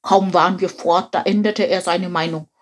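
A woman's voice: lowish voice, steady tone, normal speed, close to an everyday voice. A woman voicing a know-it-all male frog who tells the story in a matter-of-fact, slightly smug way.

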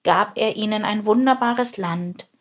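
A woman's voice: medium pitch, a little slow, lightly acted. Grumbling wise old lion, voiced by a woman. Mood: solemn. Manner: grumbling, solemn.

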